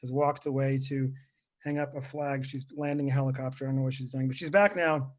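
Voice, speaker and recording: A Lebanese-born man in his thirties performs a self-deprecating stand-up set over a video call from a rented apartment. His mid-range voice is brisk, and his delivery is deadpan with chatty asides.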